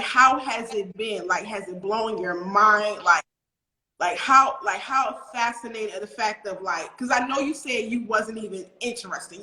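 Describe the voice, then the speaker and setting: A woman in her late thirties hosting a talk show, chatting in an excitable, rambling way. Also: fairly high pitch, roomy sound, rough recording. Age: late 30s. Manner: excitable, rambling, laughs often. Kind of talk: casual interview chat.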